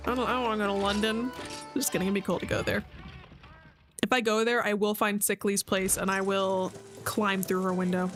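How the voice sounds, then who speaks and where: Her voice is mid-range with little pitch movement, and she talks a little fast. While gaming on stream, the young woman keeps up loose, jokey chatter and wandering asides to her chat over loud background music.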